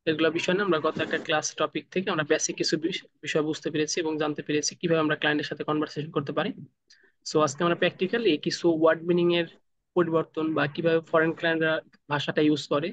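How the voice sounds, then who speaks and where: A man with a Bangladeshi accent teaching a spoken English class over a video call, drilling pronunciation slowly, sound by sound. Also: fairly high pitch, a bit bright, dry recording.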